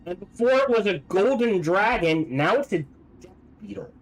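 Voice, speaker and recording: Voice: medium pitch, animated, normal speed. A game streamer giving casual gameplay commentary, thinking aloud.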